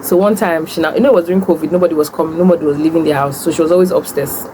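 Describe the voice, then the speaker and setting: Young nigerian woman, low voice, chatting and eating mukbang style, noisy room hum behind her. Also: fairly even intonation, racing. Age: young adult. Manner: talks while eating. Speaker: food vlogger and host. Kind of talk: casual mukbang chat, storytelling and answering questions.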